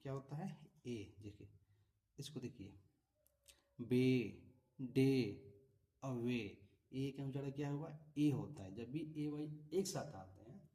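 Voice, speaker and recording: A man's voice: mid-range voice, takes it slowly, long pauses, warm tone. A man teaching English pronunciation rules, explaining patiently, repeating example words and checking with tag questions. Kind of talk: classroom-style explanation. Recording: voice from a distance off the mic.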